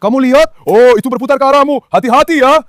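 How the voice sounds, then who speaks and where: A man's voice: extremely high pitch, fast, a bit bright, no room sound, clean studio sound. A man vlogging outdoors, coaxing and calling to big dogs and talking to his companions in a casual, exclamatory way. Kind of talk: casual outdoor dog vlog. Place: outdoors in an industrial area.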